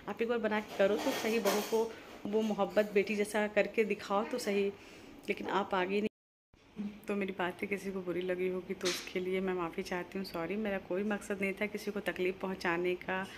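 A woman's voice: medium pitch, noisy background. Earnest pleading woman vlogger. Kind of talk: heartfelt monologue to camera.

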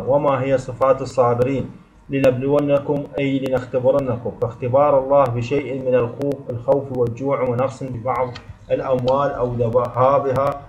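A male teacher giving an exam review lesson, reading definitions and examples from his notes in a steady, listing way. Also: medium pitch. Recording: slightly dull lo-fi sound.

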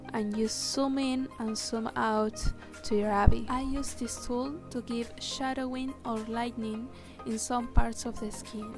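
A woman with a fairly high voice, a native Spanish speaker with a Spanish accent, walks through a screen-recorded software tutorial slowly and carefully, one step at a time, with hesitant fillers. She records it as a voice-over with music running underneath, speaking as the tutorial's creator.

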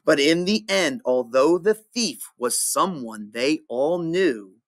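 A man, a teacher, reading a rhyming picture book aloud with an expressive, sing-song delivery. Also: on the high side, slow.

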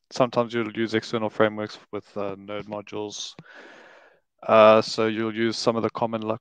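A senior software developer answering a question on a call in a measured, guarded way. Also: male voice, fairly low pitch, clean tone, dry recording, rough recording. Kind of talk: casual tech Q&A answer.

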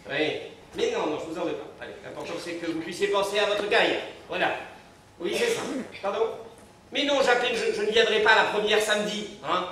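An actor playing a polite, flustered household employee in a live stage comedy, fussing and pleading into a telephone. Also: male voice, sits high, fairly quick, a bit bright, a little hiss or hum. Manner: polite, fussy and exasperated on the telephone. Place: theatre stage. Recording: echoey theatre stage from far off.

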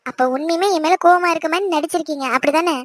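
A woman's voice: very high-pitched, rapid-fire, dry recording. A woman voicing a shy, playful young newlywed wife who speaks coyly and affectionately. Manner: coy, affectionate, sweetly protesting. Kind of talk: cartoon voice acting.

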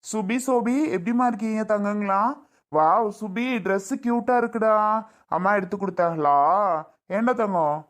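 A woman's voice: medium pitch, normal speed, natural voice. Woman playing a concerned young brother. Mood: affectionate. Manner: questioning, coaxing, affectionate.

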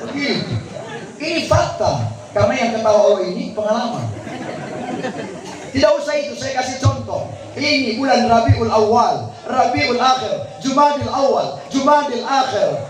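A man's voice: very high voice, unhurried. A man with a Gorontalo accent preaching a humorous sermon to an audience, joking and breaking into chanted Quran recitation. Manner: jokey, animated, chanting recitation in between. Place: large tent venue with audience. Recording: echoey, distant crowd recording.

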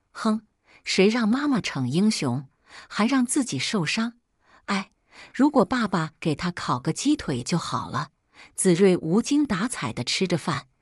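Woman narrator, scripted story, low pitch, lively intonation, dry close sound. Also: dry recording.

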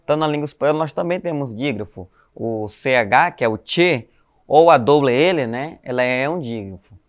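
Speaking with lively intonation in a mid-range voice, this Brazilian Portuguese-accented man walks schoolchildren through a Spanish class recorded online. His patient explanations are peppered with "né?" and "tá?"; he calls the class "galerinha" and spells out letters at an unhurried pace.

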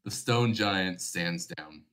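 A man's voice: low voice, takes it slowly, fairly bright tone. A man narrating a tabletop role-playing game as the game master.

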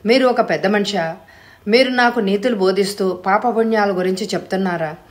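A cold, vengeful young man in an audiobook, accusing in a raised, cutting voice, as a woman narrator reads him. Her low voice rises in pitch and volume for him. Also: moderate pace, close to an everyday voice.

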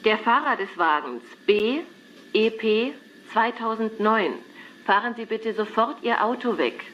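A woman's voice: a little high, expressive, a little slow, muffled recording. Woman as formal announcer, faint noise behind. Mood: formal, alerting. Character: female public-address announcer, formal and clear. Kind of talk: scripted public announcement.

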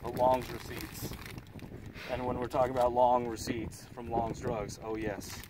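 A young man hosting a casual outdoor cooking demonstration beside a highway, explaining things in an easygoing, joking way. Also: level tone, measured pace. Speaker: vlog host. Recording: noisy outdoor phone recording.

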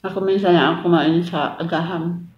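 Woman vlogger from the Philippines, mouth full, chewing food as she chats; roomy, dull recording with loud dish clatter. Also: fairly low pitch, normal speed, slight background noise. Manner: relaxed, chatty, switching between languages. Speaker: mukbang vlogger. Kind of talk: casual eating vlog chat. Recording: echoey room, muffled sound, clinking dishes.

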